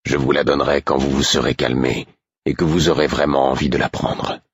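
A man voicing a stern, tired grown man in an audiobook, speaking low, measured and firm. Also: level tone, slightly rough, heavily acted.

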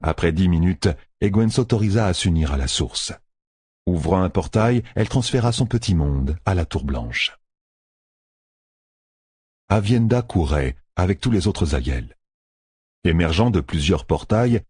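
A man narrating an audiobook with steady storytelling. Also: low-pitched, slightly rough, dry recording, studio quality.

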